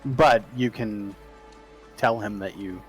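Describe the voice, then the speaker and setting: A man improvising as game master and shopkeeper in a tabletop role-playing game, speaking in a hesitant, halting way. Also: on the low side, faint music behind.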